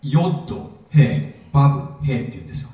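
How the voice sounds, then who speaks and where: A man teaching a sermon-style Bible seminar, lively and jokey, often asking his audience questions, recorded in a hall. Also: medium pitch, quick pace, lo-fi sound. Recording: echoey hall, mic at a distance.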